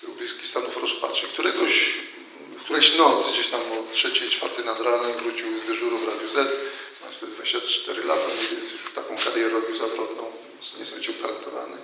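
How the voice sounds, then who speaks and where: A man's voice: medium pitch, fairly quick, far from the mic. A man, a priest, giving an earnest retreat talk, telling a story with frequent restarts and repeated words. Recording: very echoey hall, faint noise.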